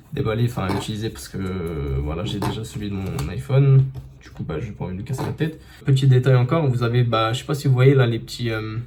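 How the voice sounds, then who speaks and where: Man, casual unboxing vlog, mellow tone, chatty, halting fillers, phone camera. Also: medium pitch, slight background noise. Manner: chatty, with many fillers and restarts. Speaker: tech reviewer.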